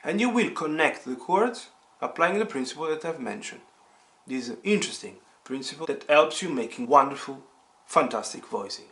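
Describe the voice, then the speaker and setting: Over the sound of a piano, a man walks through an informal lesson step by step, repeating as he instructs. He speaks at a moderate pace in a fairly high, expressive voice with a fairly bright tone.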